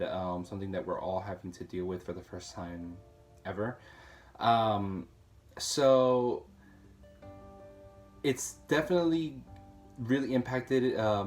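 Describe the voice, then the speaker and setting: A man in his twenties, a student advocate, speaking hesitantly with many pauses in a testimonial interview. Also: fairly low pitch. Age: 20s. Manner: hesitant, lots of fillers.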